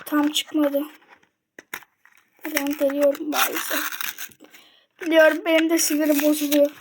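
A young woman, chatting excitedly to her viewers as she unboxes and shows off toy cars. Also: sits high, a little slow, noisy background. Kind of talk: casual unboxing chat.

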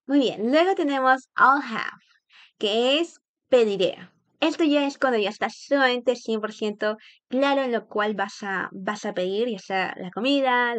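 A woman teaching English phrases in a bilingual lesson, repeating each phrase and warmly praising the learner. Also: fairly high pitch, no echo.

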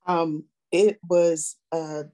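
A woman's voice: low-pitched, fairly even intonation, drawn-out words, dark tone. A middle-aged woman, a bus operator, telling stories as an interview guest. She laughs often and hesitates with fillers. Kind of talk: storytelling in an interview.

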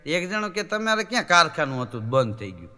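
Animated comedian in a hall. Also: male voice, fairly high pitch, a little fast. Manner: animated, acts out characters' lines in changing voices. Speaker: stand-up comedian. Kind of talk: live Gujarati folk comedy storytelling.

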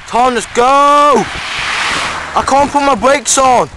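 High-voiced guy shouting on a bike ride. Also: slow. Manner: bossy, teasing, shouts urging his friend on. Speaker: cyclist filming a bike ride. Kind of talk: casual running commentary while cycling. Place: outdoors on a rural roadside cycle path. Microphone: camera held while riding a bike. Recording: wind noise on an outdoor camera mic.

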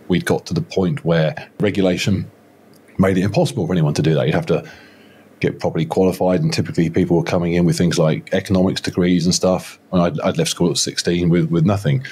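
Low and husky with a darkish tone, this roughly fifty-year-old man rambles through his story as a podcast guest, poking fun at himself and starting over repeatedly. The casual interview happens on a video call from his home studio, using a close studio mic and headphones.

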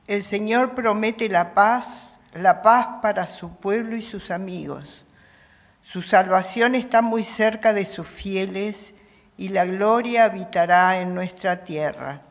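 Slow older woman leading a psalm. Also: mid-range voice. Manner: slow, measured reading. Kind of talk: reading a responsorial psalm. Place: small chapel. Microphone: stand microphone at lectern. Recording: long chapel reverb.

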